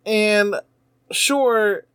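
A man with a notably high voice talks in loose, casual podcast banter, laughing often and swearing freely. He is recorded close and dry, with no room sound around him. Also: drawn-out words, fairly bright tone, smooth, no room sound. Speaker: podcast co-host.

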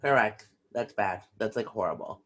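A woman's voice: rumbling low, moderate pace, fairly bright tone. A woman co-hosting a casual podcast, reacting frankly with disgust and swearing freely. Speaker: podcast co-host. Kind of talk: casual chat.

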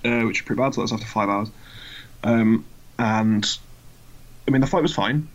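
A man's voice: fairly low pitch, normal speed. A British man talking casually, like a podcast co-host chatting with a friend. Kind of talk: casual chat. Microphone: remote internet voice call. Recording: slightly dull, lo-fi internet call audio.

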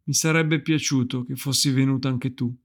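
A man voicing a gentle, grieving father who speaks tenderly in a storybook reading. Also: medium pitch, steady tone, moderate pace, lightly acted. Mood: tender grief.

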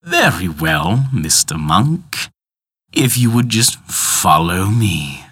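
Man doing a slow menacing clockwork tinkerer. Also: deep voice, big pitch swings, sharp tone, breathy edge, no room sound, clean studio sound, heavily acted. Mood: sneering.

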